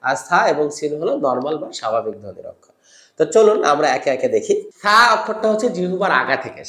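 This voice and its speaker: Echoey pronunciation teacher. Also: mid-range voice. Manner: repeats sounds slowly to demonstrate. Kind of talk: instructional lesson. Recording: echoey room.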